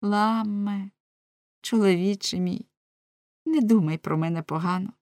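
A repentant wife, tender and once a beauty, as a woman reading a storybook voices her. She pleads softly and earnestly. The sound is close and dry. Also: medium pitch, unhurried, dry recording, natural voice. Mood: pleading.

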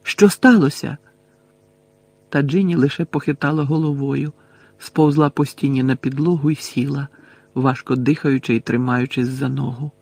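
A man reading a novel aloud in a steady storytelling manner. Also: mid-range voice, normal speed, creaky, dry recording. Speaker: audiobook narrator. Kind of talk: scripted narration.

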